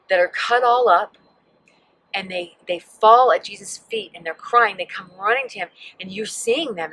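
A woman's voice: mid-range voice, a bit bright, no echo, rough recording. A woman leading a guided Bible meditation, reading scripture aloud and telling listeners to picture the scene, speaking vividly and emphatically. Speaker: Bible teacher.

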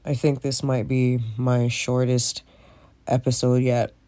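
Stoner guy high and rambling on his own podcast, medium pitch, cusses a lot, super casual. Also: completely flat delivery, slow pace, dark tone. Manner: frequent swearing. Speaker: podcast host. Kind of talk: casual rambling solo monologue.

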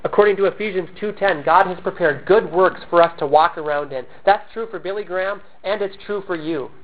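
During a sermon, a pastor speaks earnestly and measuredly, asking the congregation questions and answering them himself. His voice is high for a man, and the sound is thin and tinny, like a phone call.

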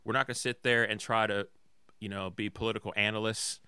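A man from Atlanta co-hosting a casual talk show, relaxed and rambling, often correcting himself mid-sentence. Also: on the low side, fairly quick, clean tone, dry recording, studio quality. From Atlanta, Georgia. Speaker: podcast co-host. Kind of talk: casual chat.

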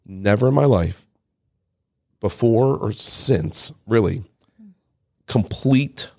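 A man giving an emotional personal testimony in an interview, halting and often repeating his words. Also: lowish voice, vocal fry, a little mellow. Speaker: interview guest, father. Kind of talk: personal testimony, casual storytelling.

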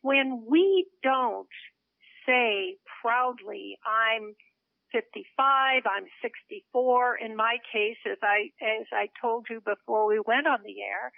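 A woman in her seventies joins a radio interview by telephone, heard over a narrow phone line in a dry recording. Her voice is on the high side, slow and creaky, and she speaks earnestly, slipping small laughs between her points.

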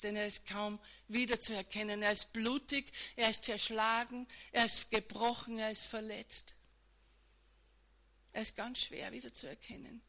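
A woman telling a dramatic retelling in the second person, moving between loud emphatic lines and hushed ones. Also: a little high.

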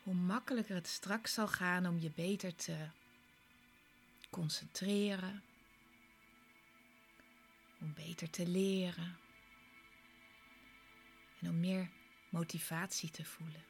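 A woman guiding a relaxation exercise in a soft, soothing, partly whispered voice, with slow short instructions and pauses. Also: lowish voice, steady tone. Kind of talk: soft, soothing guided relaxation with breathy, part-whispered delivery. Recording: clear background music. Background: relaxation music.

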